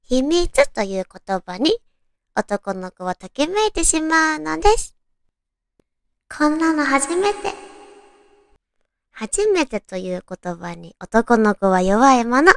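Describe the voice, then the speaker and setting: A woman's voice: a little high, sing-song, unhurried, vocal fry, no room sound, clean studio sound. A woman chatting casually and girlishly as a solo host, reading out romantic material and adding her own reactions. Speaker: solo host of an audio talk show.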